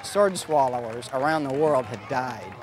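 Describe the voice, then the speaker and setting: A man's voice: medium pitch, expressive, unhurried. A man from Idaho, a sword swallower, answering interview questions in a casual, plain-spoken, easygoing way. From Idaho, United States. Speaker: sword swallower and circus-style performer. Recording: noisy outdoor fair with crowd. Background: crowd and outdoor fair ambience.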